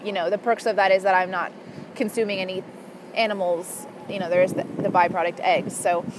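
A woman's voice: mid-range voice, little pitch movement, brisk. A young woman chats casually to camera in a rambling, informal way, speaking into the mic on her earphones outdoors. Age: young adult. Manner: informal, rambling, frequent "like" and "you know". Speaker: vlogger. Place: outdoors in an urban park. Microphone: earphone mic used as microphone. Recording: outdoor background noise, headphone mic.

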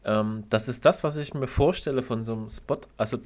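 A man co-hosting a podcast in casual chat, relaxed and agreeable, sometimes stumbling over his words. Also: mid-range voice, brisk. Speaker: podcast co-host.

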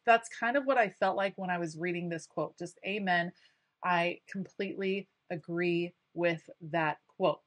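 A craft video creator talks casually over her footage, chatty and enthusiastic, with frequent ums. Her medium-pitched voice comes through with no echo.

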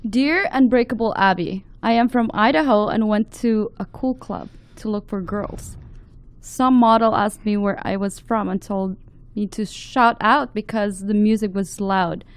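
A woman's voice: mid-range voice, unhurried, dry recording. A woman hosting a talk show who reads viewer letters aloud with an amused, giggly manner. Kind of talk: casual studio chat, reading letters aloud.

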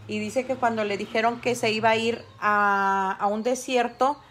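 A woman's voice: on the high side, fairly even intonation, normal speed, fairly bright tone, slight background noise. A middle-aged woman, chatting casually with viewers on a livestream while she paints. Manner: chatty, talks straight to viewers. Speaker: artist livestreaming her painting.

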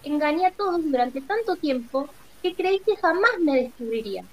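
A woman's voice: sits high, very animated, normal speed, slight background noise, poor audio. A woman voicing a frightened old male humbug wizard who pleads nervously. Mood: timid.

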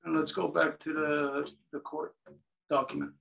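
A man's voice: on the high side, little pitch movement, unhurried, vocal fry, a bit bright, recorded from a distance, rough recording. A man from Kahnawake hosting a livestreamed talk, accusatory and rambling with many fillers. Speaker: host of a community talk show.

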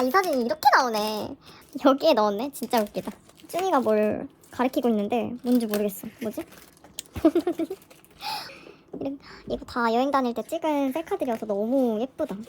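A woman chatting casually through an unboxing vlog, gushing with excitement as a fan. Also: a little high, brisk, slight background noise. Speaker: vlogger.

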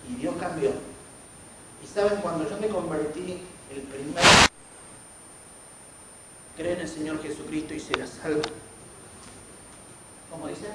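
Argentine preacher in an echoing church. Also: male voice, a little high, unhurried, pauses often. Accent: Argentine Spanish. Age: 40s. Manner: storytelling with acted quotes of others. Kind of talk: sermon testimony. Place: church sanctuary. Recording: very echoey church hall from far off, faint noise.

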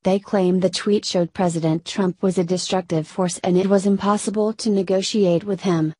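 Low, mellow woman reading the news. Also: breathy edge, dry recording. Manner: even read-aloud delivery that garbles abbreviations. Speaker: news narrator. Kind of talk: scripted news narration.

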